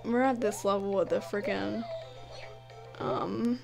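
Her voice is mid-range, steady, slow, and gravelly. She's a gaming YouTuber doing a let's-play quietly at home at night over game music, laughing at herself and letting out frustrated outbursts.

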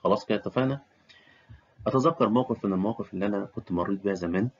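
Rapid, husky Egyptian man giving advice. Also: on the low side, lo-fi sound. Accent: Egyptian Arabic. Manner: repeats key phrases, many fillers. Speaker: doctor giving career advice. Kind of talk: casual advice talk.

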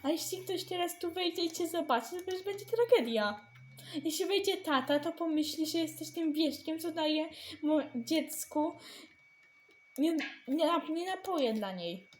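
A young woman with a very high voice plays through a Minecraft roleplay, sounding exasperated as she asks question after question. Her pitch moves around a lot and she draws out her words slowly. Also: lively intonation, slight background noise. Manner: exasperated, rapid-fire questions.

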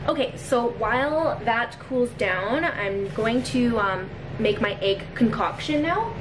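A bright, somewhat high-voiced young woman talks through her cooking in a casual, cheerful way. She is recorded on a camera mic in a home kitchen, with clear kitchen noise behind her. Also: animated, slow pace. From Filipino heritage family. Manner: chatty, upbeat, talks while cooking. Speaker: vlogger.

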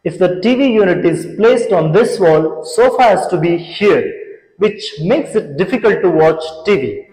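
The young Indian renovation founder's voice sits high, with lively intonation and a slightly mellow quality. Through a lapel mic he measuredly walks viewers around a big, bare apartment indoors, highlighting features and describing intended changes in a scripted presentation, over echo and background music.

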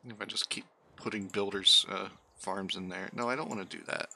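A man's voice: lowish voice, fairly even intonation, brisk, creaky, pushed and bright, slightly rough. A man giving casual let's-play commentary, muttering running asides to himself and his units in a wry, self-deprecating way. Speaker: gaming channel host.

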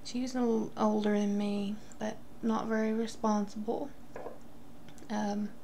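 A woman in her thirties telling a casual, confessional story to camera in a gossipy, rambling way with halting tangents. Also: mid-range voice, flat delivery, gravelly, dark tone, a little hiss or hum. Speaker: vlogger. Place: small room at home, indoors.

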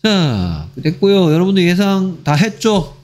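A man giving an exam-prep English lecture, firing off quick rhetorical questions and switching between Korean explanation and read-aloud English sentences. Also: high voice, very animated, darkish tone. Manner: drills with rapid rhetorical questions. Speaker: English teacher.

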